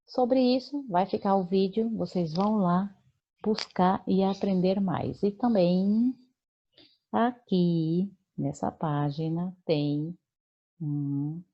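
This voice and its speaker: A woman's voice: fairly low pitch, muffled recording. A Brazilian woman teaching a remote lesson, explaining patiently with many fillers and check-ins to her students. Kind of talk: remote lesson correcting homework.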